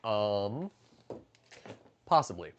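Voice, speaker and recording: A man's voice: fairly low pitch, big pitch swings, very slow, dull audio, slight background noise. Casual, profane man in his late twenties. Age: late 20s. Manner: profane, joking, reading chat aloud. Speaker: livestreamer. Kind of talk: casual livestream chat while cooking. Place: home kitchen, stepping outside to smoke.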